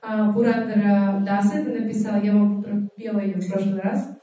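Woman interpreting a talk line by line, lots of uh's, dark soft tone, big echoey room, a bit off mic. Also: mid-range voice, flat delivery, brisk, distant mic. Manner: translates phrase by phrase with hesitant fillers and restarts. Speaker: live interpreter for a lecture. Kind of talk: consecutive spoken translation of a class. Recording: echoey hall, voice set back from the mic.

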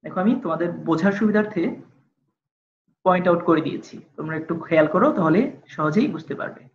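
A woman's voice: on the low side, fast, slight background noise. A woman teacher giving a recorded lesson, explaining patiently step by step and speaking directly to her students. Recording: dull lo-fi recording.

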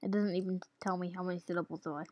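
A woman's voice: lowish voice, fairly even intonation, racing, a little mellow, no room sound. A woman giving casual gameplay commentary as a YouTuber, giggly and hesitant with lots of ums, while she has the hiccups. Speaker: gaming YouTuber.

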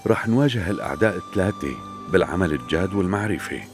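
Deep, rapid Syrian Arabic sultan. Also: male voice, expressive, music in the background. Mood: commanding, resolute. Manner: authoritative. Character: commanding, benevolent Ottoman sultan. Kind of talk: dubbed period TV drama dialogue.

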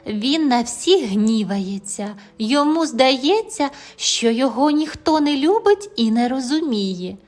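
Slow, gentle woman reading a children's tale. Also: sits high, big pitch swings. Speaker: narrator. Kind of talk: children's audio fairy tale narration.

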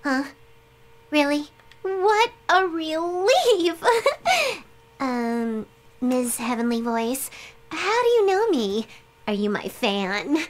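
A woman's voice: high-pitched, very animated, drawn-out words, heavily acted. A woman voicing a bubbly, scatterbrained and cheeky young girl heroine in an anime video game, playful and dramatic. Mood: relieved, cheeky. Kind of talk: English video game voice acting.

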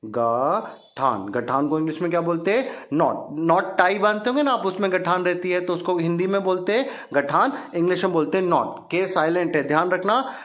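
A man teaching young children English words, repeating each one and asking it back as a question, and reading English lines slowly. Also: high voice, a bit bright. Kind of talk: classroom vocabulary lesson for children.

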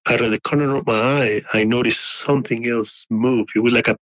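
A man in his forties telling a personal story as a podcast guest, in a halting way with many restarts. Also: mid-range voice, steady tone, a bit bright, no room sound, rough recording. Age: 40s. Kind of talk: casual storytelling.

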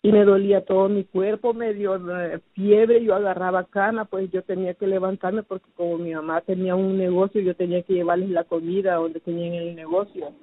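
A woman giving a personal testimony, recounting her past slowly and hesitantly, with many fillers and restarts. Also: on the low side, steady tone, dry recording. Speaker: testimony giver. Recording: phone-like, dry narrow sound.

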